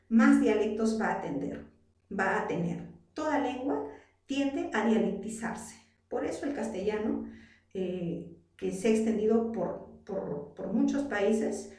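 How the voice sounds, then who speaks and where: A woman's voice: on the high side, dark tone. A woman teacher from Peru with a Peruvian accent, explaining a lesson patiently and asking her students rhetorical questions. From Arequipa, Peru. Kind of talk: classroom lesson. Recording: very echoey room, voice far from mic.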